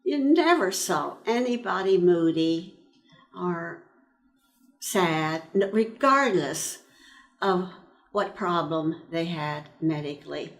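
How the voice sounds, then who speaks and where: During an oral-history interview, an expressive, lowish-voiced woman in her nineties from eastern Pennsylvania, USA, talks about her service as a World War II army nurse. Her storytelling is slow and reflective, punctuated by frequent pauses.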